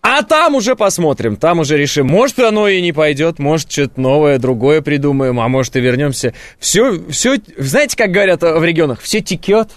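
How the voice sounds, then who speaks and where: A man's voice: on the high side, lively intonation, fairly quick, few pauses, no room sound. A man hosting a radio call-in show, chatting in a joking, self-ironic way with many fillers. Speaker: radio host. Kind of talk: casual radio talk with callers.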